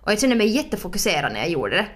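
Young woman cohosting a podcast, chatty and playful, lots of filler words, middling pitch. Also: big pitch swings. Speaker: podcast co-host. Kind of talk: casual chat.

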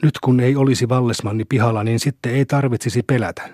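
A man's voice: mid-range voice, steady tone, a little mellow, no echo, clean studio sound, close to an everyday voice. A man reading the lines of a bragging beggar boy in a storybook. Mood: boastful. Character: boastful poor beggar boy.

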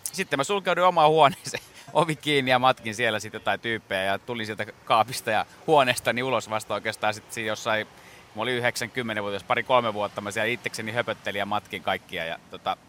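A man's voice: on the low side, bright, forceful tone, slight background noise. A man, a guest impressionist, telling stories in a rambling way, with many fillers and restarts, in a radio studio. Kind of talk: casual interview talk.

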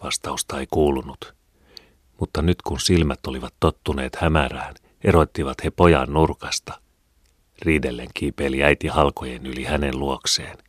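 A man calmly narrating an audiobook in a measured reading voice. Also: very deep voice, dry recording, clean studio sound. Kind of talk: scripted narration.

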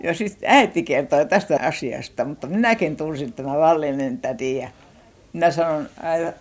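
An older woman from Finland recounting childhood memories in an unhurried oral-history style, often pausing to search for words and restarting her sentences. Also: low voice.

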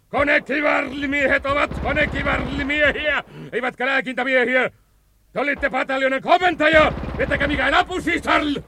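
An actor playing a harsh, ruthless lieutenant colonel who barks furious commands in a radio play. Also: male voice, very high-pitched, a little hiss or hum, heavily acted. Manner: barking, furious shouted commands. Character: harsh, ruthless middle-aged lieutenant colonel berating officers.

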